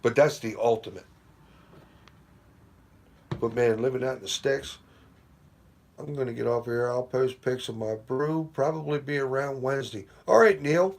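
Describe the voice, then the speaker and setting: A man's voice: mid-range voice, normal speed, long pauses. A middle-aged man hosting a casual late-night live stream from home, telling rambling, profane stories with lots of "you know.". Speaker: livestream host. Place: at home near porch, at night.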